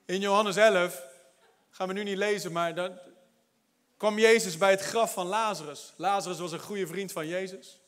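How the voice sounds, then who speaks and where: Male pastor, high bright voice, animated sermon delivery with laughs and shouted climaxes. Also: normal speed. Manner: animated preaching with laughs and English phrases; builds to shouted exhortation.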